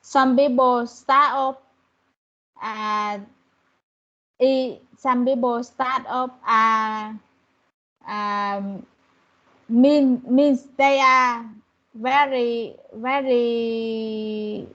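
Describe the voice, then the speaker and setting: A woman's voice: fairly high pitch, fairly even intonation, drawn-out words, pauses often, a bit bright, highs cut off. A woman from Vietnam with a Vietnamese accent, learning English and hesitantly searching for words. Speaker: English student.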